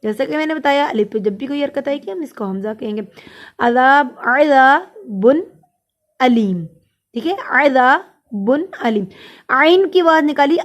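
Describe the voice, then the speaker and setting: Woman, high-pitched voice, tajweed teacher, patient step-by-step explanations, slow drawn-out recitation. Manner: explains each sound, then recites it drawn out.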